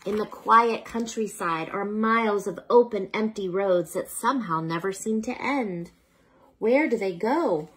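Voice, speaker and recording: The recording is low in quality. A woman of medium pitch and faintly husky tone reads a children's bedtime story aloud, leisurely and expressively, as if for a child's ears.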